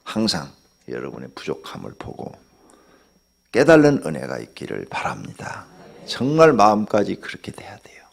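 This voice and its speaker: Gravelly older Korean pastor, scolding. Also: male voice, huge pitch swings, moderate pace. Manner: scolding, blunt, acts out dialogue with sudden pitch jumps. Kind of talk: dawn sermon.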